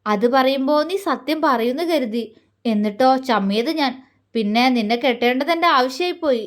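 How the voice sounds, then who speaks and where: A devoted young husband, tender and earnest with a light teasing edge, as a woman reading the story puts him on. The voice sits high, and he speaks softly in a storybook manner. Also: normal speed, close to an everyday voice. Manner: soft, earnest, gently teasing.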